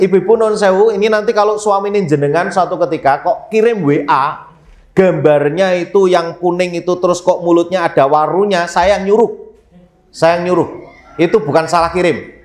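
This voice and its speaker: High-voiced preacher in an echoey hall. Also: male voice. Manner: lively, joking with Javanese phrases. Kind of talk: sermon.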